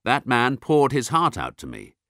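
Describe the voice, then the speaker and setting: A man reads an audiobook with emphatic, persuasive delivery. His voice rises and falls a great deal, and he slows right down on key words. The sound is dry and close-miked. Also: mid-range voice, wildly swooping pitch, bright, forceful tone, no room sound. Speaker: narrator. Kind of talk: audiobook narration.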